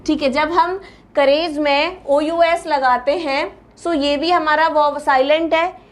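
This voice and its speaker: High-voiced Indian woman teaching English. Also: steady tone, takes it slowly. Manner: explains step by step, checks in with students. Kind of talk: exam-prep lecture.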